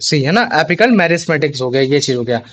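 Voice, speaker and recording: A man's voice: on the high side, expressive, fast talker, a bit bright. A young man tutoring a class over a video call, chatty and checking often that students follow. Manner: chatty, repeats checking questions. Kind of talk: online class teaching. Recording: dull lo-fi online call audio.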